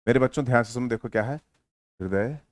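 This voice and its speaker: Lively male teacher, dry close sound. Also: mid-range voice, fast talker, no echo. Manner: lively, teasing, switches between loud explaining and quiet mumbling while writing. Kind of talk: online lecture.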